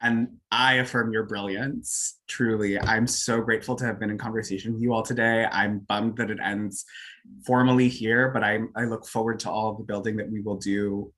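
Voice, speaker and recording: An earnest young man in his twenties moderates a panel over a video call. His voice runs a little low, and he speaks in an affectionate, unhurried way. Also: level tone, fairly bright tone. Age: 20s. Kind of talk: online panel discussion.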